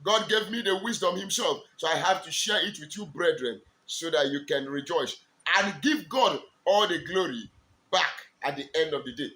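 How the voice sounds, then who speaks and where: A man from eastern Nigeria with a Nigerian accent, an Igbo speaker, preaching in slow, emphatic, drawn-out declarations as a spiritual teacher. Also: on the high side, expressive, bright, forceful tone, slight background noise. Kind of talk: preaching to camera.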